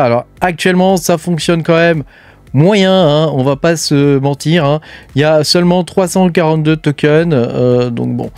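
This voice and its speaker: Casting note: a man hosting, fairly high voice, casual chatty roundup, dry close mic. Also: dry recording. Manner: chatty, frequent filler tags and hesitations. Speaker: crypto mining channel host.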